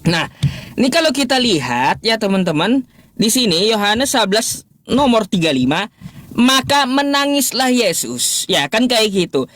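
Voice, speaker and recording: A man's voice: sits high, sing-song, fairly bright tone, a little hiss or hum. A man in a live-streamed religious debate, asking mocking, repeated rhetorical questions with laughter and stopping often to fiddle with his laptop. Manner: pauses, restarts and fumbles with his laptop.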